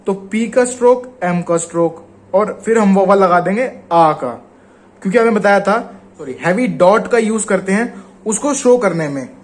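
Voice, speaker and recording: A man with an Indian Hindi accent gives a casual spoken lesson. His voice sits fairly high for a man, and he explains patiently, drawing out the example words. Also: animated, moderate pace. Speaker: shorthand teacher.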